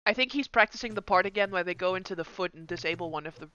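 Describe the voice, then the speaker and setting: A woman narrating as game master of a tabletop game, chatty with quick asides to the players. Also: fairly low pitch, sharp tone, muffled recording, slight background noise.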